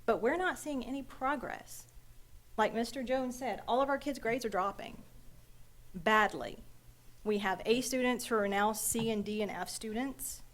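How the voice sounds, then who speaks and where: A woman addresses a school board in a firm, appealing tone, speaking up for the children. Her voice sits a little higher than average. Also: measured pace. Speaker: parent speaking at public comment. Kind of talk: public comment at a school board meeting.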